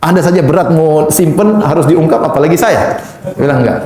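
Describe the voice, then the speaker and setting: A man preaching in a religious question-and-answer lecture, moving between soft and emphatic delivery and chuckling now and then. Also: fairly high pitch, fairly quick, reverberant, a crowd in the background. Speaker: Islamic preacher.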